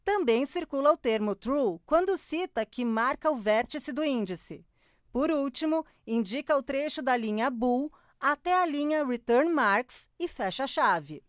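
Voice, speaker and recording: A woman's voice: sits high, expressive, a little slow, no echo, studio quality. A woman with a Brazilian accent reading scripted audio description, dictating piece by piece like code being spelled out.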